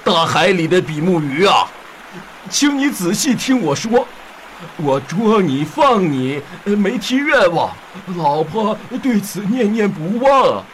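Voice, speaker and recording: A woman's voice: medium pitch, very animated, a little slow, slight background noise, rough recording. A woman voicing a meek, worried old fisherman in a fairy tale, hesitant and pleading with many sighs. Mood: timid.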